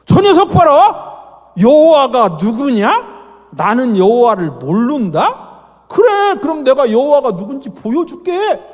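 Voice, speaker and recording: A man's voice: big pitch swings, slow pace, darkish tone, full character voice. A man voicing God as an indignant, commanding presence who vows to show who He is, in a church Bible lecture. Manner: booming, challenging, emphatic. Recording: echoey church hall.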